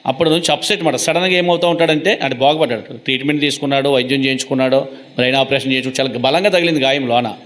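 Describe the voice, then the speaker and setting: A man's voice: mid-range voice, racing, fairly bright tone. A man preaching a sermon as pastor, asking his congregation questions and answering them himself, and acting out the lines of the story he tells. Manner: acts out the dialogue of the story in different voices.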